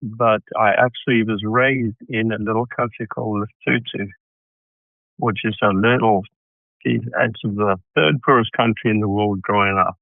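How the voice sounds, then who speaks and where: Here a man from South Africa, a tennis coach on a podcast, gives casual interview answers, telling long stories of his start in tennis and wandering off into asides and restarts. He speaks at a normal speed in a lowish voice with fairly even intonation and vocal fry. The audio is a dry, tinny phone-style line with no room sound.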